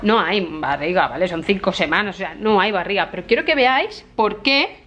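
A woman in her thirties with a Spain Spanish accent, chatting excitedly to camera in a casual vlog. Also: medium pitch, brisk, a little hiss or hum. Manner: chatty and excitable, often laughing. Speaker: vlogger.

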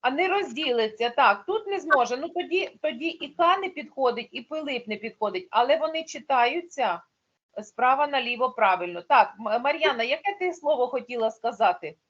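A woman's voice: high-pitched, lively intonation, normal speed, a bit bright, husky, lo-fi sound. A woman teaching a primary school class online, explaining patiently step by step.

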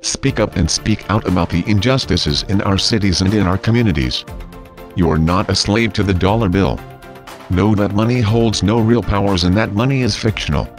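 A man reads a scripted political message as narrator, in a solemn, measured way. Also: on the low side. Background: music.

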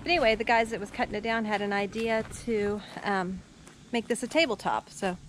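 A woman's voice: medium pitch, steady tone, fairly quick, a little hiss or hum. A middle-aged woman chatting casually through a home-renovation vlog, upbeat and rambling with ums. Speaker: family vlogger. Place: small lake house, indoors and in the yard. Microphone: handheld camera at arm's length.

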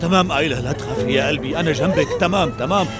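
An actor dubbing, in a Levantine Arabic accent, a frantic man taking charge at a fire scene, shouting orders and soothing in between. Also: a little high, very fast, loud music behind the voice, natural voice. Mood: urgent.

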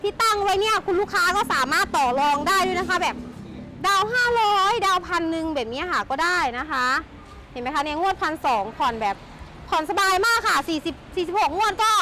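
A woman's voice: extremely high pitch, fairly quick. A woman presenting a chatty sales walkaround as a shop host, with gushing, enthusiastic patter. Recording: noisy handheld recording with vehicle sounds.

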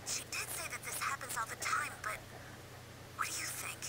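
Brief: calm, polite teen girl in a game, very bright clear tone, measured. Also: sits high, in a whisper, heavily acted, rough recording. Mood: calm, concerned. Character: polite, composed teenage girl on the phone.

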